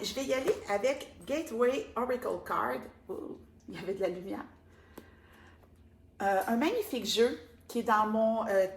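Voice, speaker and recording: A woman with a Québécois accent giving a casual oracle card reading, chatty and gentle, with many fillers. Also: mid-range voice. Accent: Québécois French. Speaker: card reader and spiritual guide. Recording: echoey room with faint ambient noise.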